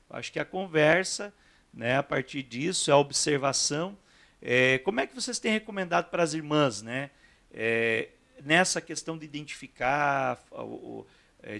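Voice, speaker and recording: A man's voice: fairly high pitch, gravelly, fairly bright tone. A man with a Brazilian Portuguese accent, a pastor hosting a church TV talk show, asking his guests questions in a conversational way. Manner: conversational, frequent "né" tags, guiding questions. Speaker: pastor and program host.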